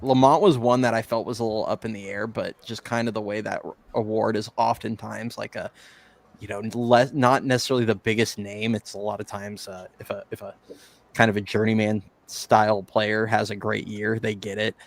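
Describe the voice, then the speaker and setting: A man co-hosting a sports podcast in casual chat, quick with jokes and laughter. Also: lowish voice, level tone, gravelly. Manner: laughs often, quick joking asides. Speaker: podcast co-host.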